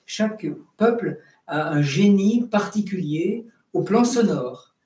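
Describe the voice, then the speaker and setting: A middle-aged priest teaches in a relaxed, searching way, often restarting his phrases. His voice sits fairly high but sounds mellow and dark. He is heard from a distance in a roomy, echoing space. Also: slow pace. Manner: many restarts and fillers, sings out syllables as examples. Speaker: Orthodox priest giving catechesis. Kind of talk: spontaneous teaching talk.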